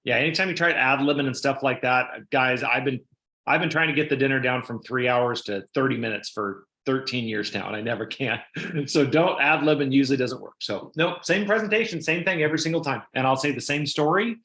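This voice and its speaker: A man's voice: mid-range voice, brisk, bright, forceful tone, reverberant. A man giving sales training on a video call, talking casually and repeating himself as he acts out customers.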